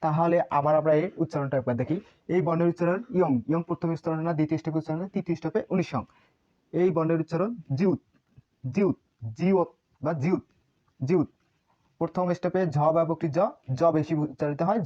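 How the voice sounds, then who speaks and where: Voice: medium pitch, dark tone, highs cut off. A teacher gives an online language lesson, patiently repeating each sound many times as a drill.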